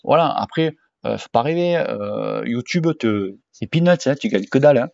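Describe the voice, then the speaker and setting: A cycling YouTuber and sports coach in his forties, with a southern regional French accent, answers viewer questions in a casual vlog, bluntly, with slang and plenty of swearing. His medium-pitched voice is animated, gravelly and darkish, at a moderate pace, in a dull, dry home recording with no room sound.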